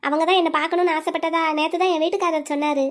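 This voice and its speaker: A woman's voice: extremely high pitch, fairly even intonation, racing. Woman voicing an anxious young pregnant wife. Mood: polite. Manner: pleading, earnest. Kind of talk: cartoon voice acting.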